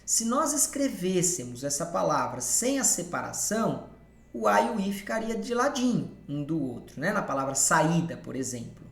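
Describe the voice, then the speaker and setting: A woman's voice: lowish voice, very animated, moderate pace. A woman teacher explaining grammar rules step by step, often checking that her students are following along. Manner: patient, checks in with listeners often. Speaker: Portuguese teacher. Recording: echoey room.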